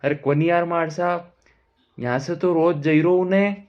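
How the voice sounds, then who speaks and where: A man voicing a blunt village father who scolds his son in gruff rustic threats, with a Malvi accent. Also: fairly high pitch, normal speed, dull audio, lightly acted.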